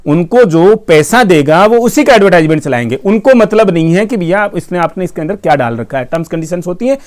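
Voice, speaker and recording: A man's voice: sits high, lively intonation, fairly quick, darkish tone. A man giving a casual explainer monologue, emphatic, repeating points and answering his own questions. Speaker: tech explainer YouTuber.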